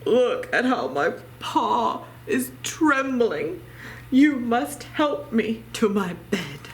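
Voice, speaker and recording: A woman's voice: fairly high pitch, sing-song, very slow, exaggerated voice. A woman voicing a grumpy, self-pitying male bear who is sick, complaining theatrically in a children's storybook reading. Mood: feebly dramatic.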